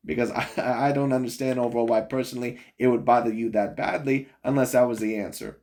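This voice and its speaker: A man's voice: medium pitch, fairly even intonation, brisk, a little mellow. A man giving casual opinion commentary on boxing while reviewing a video, rambling and chuckling between points. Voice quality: rambling, repeats "overall" and "in my opinion", chuckles often.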